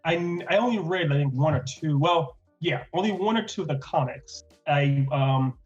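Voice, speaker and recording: A man in his thirties co-hosting a casual movie review podcast, enthusiastic, laughing often and stuttering when excited. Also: on the high side, moderate pace, muffled recording, soft background music. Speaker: podcast co-host.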